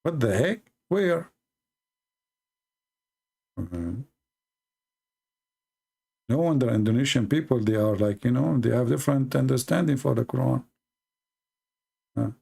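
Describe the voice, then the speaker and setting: Slow, gravelly man mocking on a stream. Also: medium pitch, expressive, mellow. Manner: mocking, halting, with sarcastic asides. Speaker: online debate streamer. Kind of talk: late-night livestream commentary.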